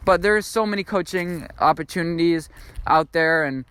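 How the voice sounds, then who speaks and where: A man's voice: fairly high pitch, normal speed, fairly bright tone, smooth. A young man giving an unscripted football commentary monologue, rambling and thinking aloud with frequent fillers and restarts. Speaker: sports video host.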